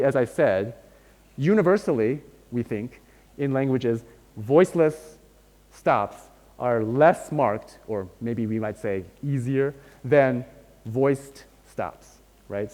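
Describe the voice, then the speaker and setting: A male linguistics lecturer gives a university lecture in a medium-pitched, darkish voice. He explains things patiently and checks in with his students often, asking "right?" and "okay?". A long hall reverb fills the recording.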